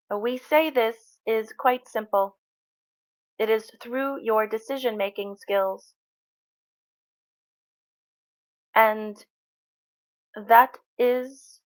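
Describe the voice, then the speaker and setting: Lady doing trance medium channeling a calm spirit guide, really slow measured phrases, mid pitch, teaching gently. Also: natural voice, rough recording. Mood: measured, reassuring. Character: channeled dragon spirit guide, serene, reassuring, instructive. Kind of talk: spiritual channeling session answering questions.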